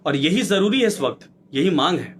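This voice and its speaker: A man's voice: on the high side, animated, normal speed. A male news anchor giving an impassioned, preachy commentary, exhorting viewers and firing off rhetorical questions.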